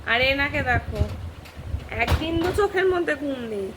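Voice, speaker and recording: High-voiced woman cooing over loud traffic. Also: lively intonation, moderate pace. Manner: cooing baby talk mixed with chatty asides to viewers. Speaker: mother vlogging with her baby. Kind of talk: casual home vlog narration. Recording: loud traffic noise behind a phone recording.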